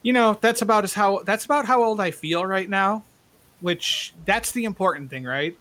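High, bright-voiced playful man. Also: normal speed. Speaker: podcast co-host. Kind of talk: casual group chat.

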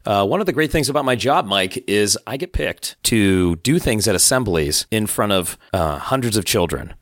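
A man co-hosting a casual podcast, hoarse from losing his voice, trading dry jokes. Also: lowish voice, lively intonation, moderate pace, dry recording. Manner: dry, joking banter. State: hoarse from lost voice. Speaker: podcast co-host. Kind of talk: casual chat.

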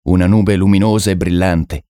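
A man narrating a horror story in a measured, dramatic audiobook reading. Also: low voice, steady tone, warm tone, smooth, dry recording, studio quality.

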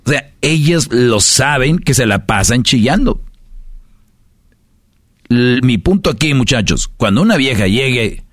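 A man's voice: mid-range voice, animated, a little slow, no echo, clean studio sound. A man with a Mexican Spanish accent hosting a casual podcast, lecturing his listeners with rhetorical questions. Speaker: podcast host.

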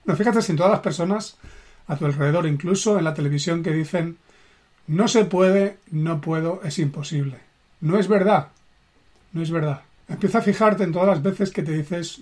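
Earnest Spanish-man, slightly high voice. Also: a little mellow. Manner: earnest, emphatic, with deliberate slow phrasing. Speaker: personal development coach. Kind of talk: motivational live stream talk.

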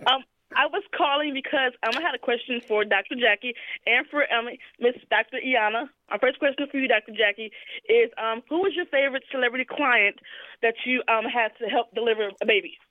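A woman phones in to a talk show, her voice high and thin through a narrow, tinny telephone line. She hesitates often with ums as she puts her question to the guests. The sound is dry and close. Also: brisk, dry recording. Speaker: radio show caller.

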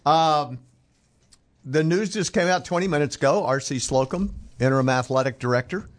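A man hosting a sports radio talk show, easygoing and quick with short replies. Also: a little high. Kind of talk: casual radio chat. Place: radio studio.

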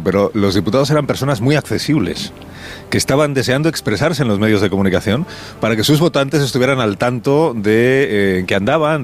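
Low-voiced radio host, ironic. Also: male voice. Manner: reflective and ironic, with fillers and restarts. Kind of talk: radio opinion monologue. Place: on location at a parliament building.

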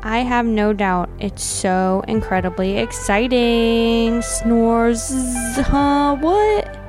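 Speaking extremely slowly in a fairly high voice, a female podcast co-host chats casually and performs dramatic readings of old notes. Her chatty manner is full of "like" and "you know," and music runs underneath.

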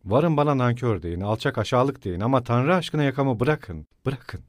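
A man's voice: expressive, a little mellow, dry recording, clean studio sound, close to an everyday voice. A man voicing a bitter, feverish young student. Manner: low, tight, measured, bitter.

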